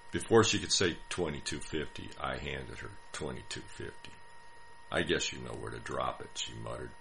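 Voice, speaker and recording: A middle-aged man reads a personal essay aloud with dry, self-mocking humor. His voice sits extremely low, with a creaky, gravelly texture. A faint hiss runs under the recording. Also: fairly bright tone. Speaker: storyteller.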